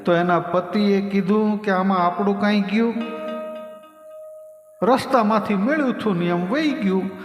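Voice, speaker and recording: A man with a Gujarati accent giving a devotional scripture discourse, telling stories in a lively way and acting out the quoted voices. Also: high voice, moderate pace, pauses often, soft background music. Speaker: Bhagavat katha storyteller. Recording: echoey reverberant hall.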